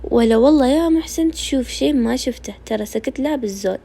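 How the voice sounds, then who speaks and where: A woman's voice: high voice, lively intonation, fast, gravelly, dark tone, full character voice. A woman voicing a stern old Najdi father who scolds and commands his family. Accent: Najdi Saudi.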